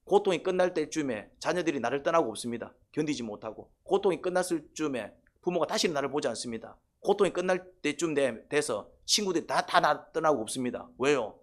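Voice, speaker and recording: Animated and fairly quick, with few pauses, a pastor with a fairly high-pitched voice preaches his sermon. He constantly quizzes the congregation, pushing them with questions and repeated "eh?" prompts.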